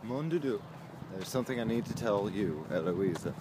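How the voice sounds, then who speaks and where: A man's voice: fairly low pitch, lively intonation, normal speed, very noisy. A man vlogging outdoors by a road, talking to the camera in a rambling, intense, self-deprecating way. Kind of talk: casual vlog talk to camera.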